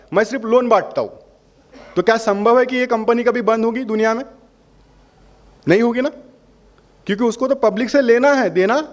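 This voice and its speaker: Male sales rep, high-pitched, persuasive explainer who answers his own questions, lo-fi sound. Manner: persuasive, asks questions and answers them himself. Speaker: holiday membership company representative.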